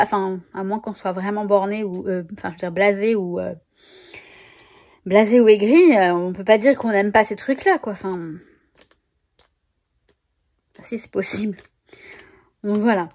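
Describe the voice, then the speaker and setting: A woman chatting casually to her viewers as a scrapbooking vlogger, showing new stickers and often correcting herself mid-sentence. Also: mid-range voice. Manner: chatty, self-correcting, talks to viewers while handling stickers. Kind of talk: casual haul video chat.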